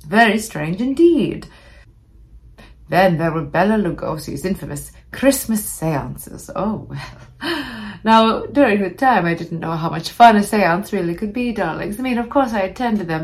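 A woman's voice: mid-range voice, expressive, moderate pace, lightly acted. A vain phantom starlet of old Hollywood, played by a woman, holds court on a comic podcast. She is theatrical and arch, with the campy grandness of a drag queen. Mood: gossipy, grand. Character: campy vain old-time Hollywood movie-star ghost, female. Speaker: podcast host. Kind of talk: comic in-character podcast monologue.

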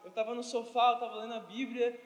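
High-voiced young man preaching casually. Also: level tone, fast. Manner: slangy and conversational, addresses crowd directly. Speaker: youth preacher. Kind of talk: casual youth sermon. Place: church hall. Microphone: handheld or stand mic. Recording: hall reverb, live church room.

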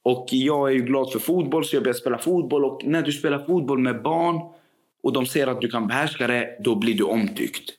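In a relaxed podcast conversation, a man with a medium-pitched voice tells a story, acting out the dialogue with lively energy and plenty of filler words.

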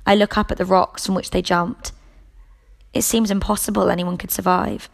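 A woman reading a novel aloud in the first person, in a steady, measured way. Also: medium pitch, creaky. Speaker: audiobook reader.

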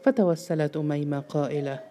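A woman narrating a novel aloud in a measured, dramatic storytelling manner. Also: sits low, mellow, faint music behind. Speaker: audiobook narrator.

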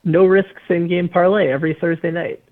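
A man's voice: high-pitched, steady tone, fairly quick, narrow, tinny audio. A man chatting and teasing the others on a casual sports betting podcast, often talking over them.

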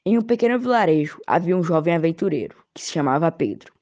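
Woman reader, low warm voice, steady story narration, muffled lo-fi recording. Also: fast talker. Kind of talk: storytelling read-aloud. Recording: dull lo-fi recording.

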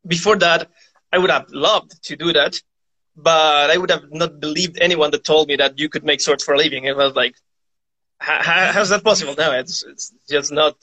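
On a live video call, a man from Chile chats casually as an interview guest, rambling and often saying "like". His voice is fairly high, steady and sharp-toned at normal speed, and the audio is poor.

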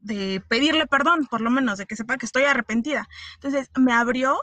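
A woman's voice: high voice, fairly quick, no echo. A young Mexican woman telling a personal story in casual chat, acting out what people said. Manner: animated storyteller, acts out dialogue.

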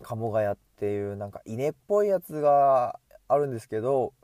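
A man with a mellow, warm tone rambles in a loose, self-amused monologue as he walks along a street. His nose runs from hay fever. He speaks into an earbud mic, and the sound is close and dry. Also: medium pitch, expressive, a little fast, no echo. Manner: chatty and self-amused, talks to himself. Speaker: solo podcaster. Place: outdoors on a street, walking. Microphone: earbud headset mic.

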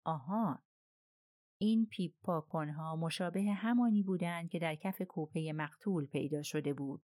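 This audiobook features a woman reading a crime novel, her lower-pitched voice delivered evenly and steadily. It's captured up close and dry, without any room sound.

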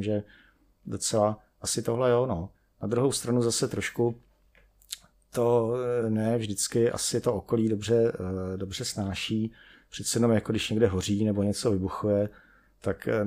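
A man's voice: lowish voice, a little mellow. A middle-aged chemist telling self-deprecating anecdotes about his studies in a rambling, conversational way, full of fillers. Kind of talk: conversational storytelling.

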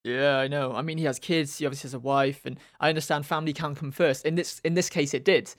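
A young man of nineteen chats on a podcast, his voice a little higher than most men's. He laughs easily and drifts through sentences with ums and half-finished thoughts. The sound is dry and close, with no room around it. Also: steady tone, fast, no echo. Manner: chatty, laughs often, trails off with ums. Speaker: podcast co-host. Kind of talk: casual chat.

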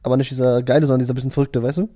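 A young man co-hosting a podcast, chatting casually and excitably, full of jokes and slang. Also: mid-range voice, racing. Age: young adult. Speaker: podcast co-host. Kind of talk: casual chat.

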